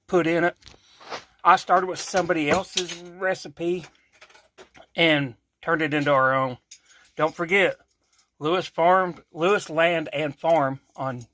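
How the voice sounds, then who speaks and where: A man's voice: a little high, a bit bright. A man from Kentucky with an Appalachian accent hosting a home cooking vlog in a folksy, chatty way, correcting himself as he goes. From Kentucky, USA. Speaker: cooking channel host. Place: home kitchen.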